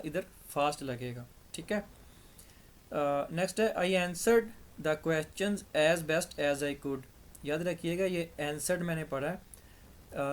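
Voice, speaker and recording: Pakistani male tutor, slightly raised pitch, slow patient explaining, dryish throat. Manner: patient, step-by-step explaining, repeats examples. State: dry throat. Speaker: English teacher. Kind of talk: grammar lesson.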